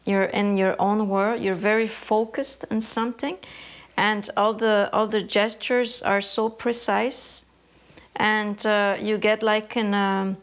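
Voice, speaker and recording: Her mid-range voice stays level as she, a Canadian embroidery artist, works through interview questions thoughtfully. Pauses come often while she looks for words.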